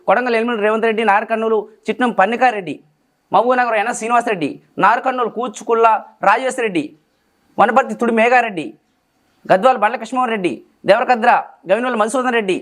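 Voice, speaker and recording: A man with a Telangana Telugu accent, reciting long lists from memory in an even, unbroken cadence. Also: very high voice. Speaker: interview guest reciting names from memory.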